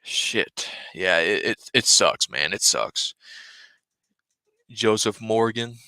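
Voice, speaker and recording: A man's voice: lowish voice, slow pace, bright, forceful tone, smooth, no echo. A young man hosting a casual live stream, talking bluntly and rambling, swearing freely and sniffling between sneezes. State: sneezing, stuffy. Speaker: fan channel host.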